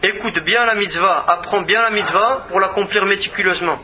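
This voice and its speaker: A man's voice: high-pitched, a little fast, bright, forceful tone. A man giving a religious Torah lesson in an earnest manner, often repeating words as he searches for the next one. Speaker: rabbi teaching Torah.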